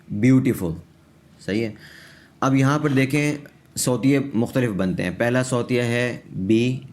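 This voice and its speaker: A man's voice: medium pitch, darkish tone. A man with a Pakistani accent teaching English pronunciation in Urdu, patiently repeating each word and checking in with his students.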